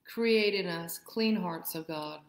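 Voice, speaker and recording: Woman leading worship with roomy church echo. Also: lowish voice. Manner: measured, steady liturgical reading. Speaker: worship leader. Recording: echoey room.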